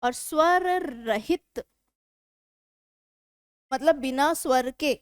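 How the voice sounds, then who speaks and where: In a clean studio recording with no echo, a high-pitched female teacher works through grammar for exam preparation. She poses questions to the class, supplies the answers herself, and pronounces letters slowly.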